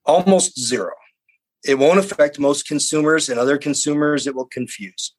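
A man's voice: a little high, normal speed, low-quality recording. A man, a university scientist, speaking as a guest in an interview, explaining things in an earnest, plain-spoken way. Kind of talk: conversational interview.

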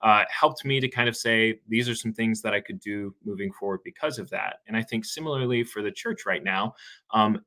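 Pastor guest on a podcast, lowish voice but bright and forceful, thoughtful answers. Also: male voice. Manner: earnest, explanatory, with restarts.

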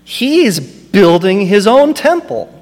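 A man's voice: high voice, big pitch swings, slow pace, in a large hall. A man preaching a sermon as pastor, with impassioned delivery that builds to emphatic peaks.

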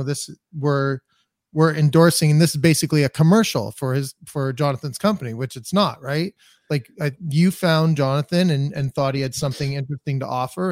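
Higher-pitched man in casual podcast chat. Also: a little mellow, no echo, clean studio sound. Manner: often tags points with "right?". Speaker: podcast co-host. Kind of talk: casual conversational podcast talk.

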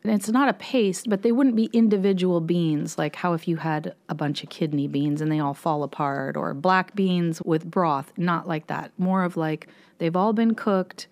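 A woman's voice: lowish voice, moderate pace, hardly any pauses, a little mellow. A middle-aged woman co-hosting a podcast, chatting casually and explaining things at length. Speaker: podcast co-host. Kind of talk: casual chat.

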